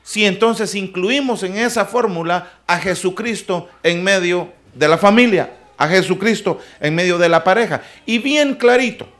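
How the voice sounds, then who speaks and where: Lively man preaching a sermon. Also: high-pitched. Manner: lively preaching with rhetorical questions to the congregation; humorous asides.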